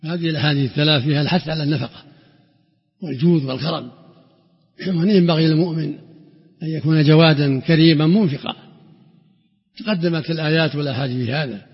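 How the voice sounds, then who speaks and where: Male scholar, raspy and gravelly with a higher pitch, emphatic, restarts words, old dull recording with a long hall echo. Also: fast talker, pauses often. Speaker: scholar explaining hadith. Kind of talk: religious lesson commentary.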